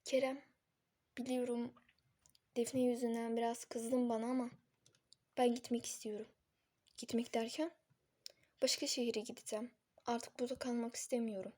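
A woman's voice: on the high side, little pitch movement, moderate pace, long pauses, darkish tone, natural voice. A woman voicing a young woman who curtly tells a friend she is leaving, in a doll-series drama. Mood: earnest. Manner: curt, dismissive.

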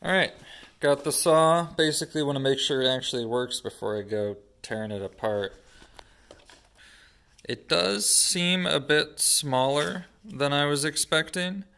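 Deadpan young man, dry humor. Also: fairly high pitch, a little slow, gravelly. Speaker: gun channel host. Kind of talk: deadpan comedic vlog narration. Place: workshop and backyard.

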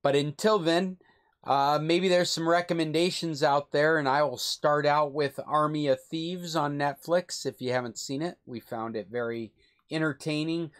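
A man's voice: a little high, fairly even intonation, normal speed. Older man rambling on a video call. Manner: rambling, self-correcting, enthusiastic. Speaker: club host. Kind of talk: casual recommendation chat.

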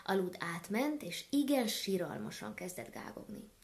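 A woman reading a children's story aloud, expressive and often dropping to a whisper. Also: mid-range voice, vocal fry.

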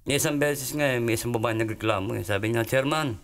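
A man in a stand-up comedy duo, telling jokes and acting out every character in them with sudden jumps in pitch. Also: quick pace. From Philippines.

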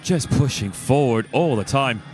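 A man's voice: mid-range voice, lively intonation, unhurried, a little mellow, soft background music. A man giving live sports commentary as a fight commentator.

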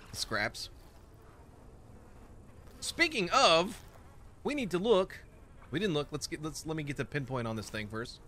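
Brief: young male gaming host, jokey, reactive, slightly raised pitch. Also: slight background noise. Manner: excitable, jokey, exclaims often. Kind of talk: let's play commentary.

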